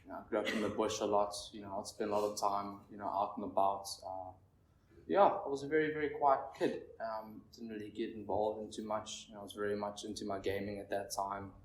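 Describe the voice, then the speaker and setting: A young Zimbabwean man in his twenties shares his personal recovery story before an audience in a meeting room, nervous and shaky. His fairly low voice holds a steady tone, yet his talk is halting, rambling, and thick with fillers. The mic is distant, the room echoes, and faint noise can be heard.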